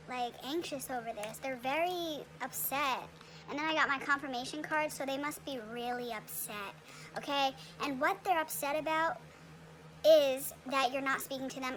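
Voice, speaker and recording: A young woman with a high voice gives a relaxed tarot reading, talking around a retainer in her mouth. Her speech is chatty and loose, full of fillers and "okay?" check-ins. A faint noise sits under the recording. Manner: chatty, many fillers and tag questions. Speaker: tarot reader.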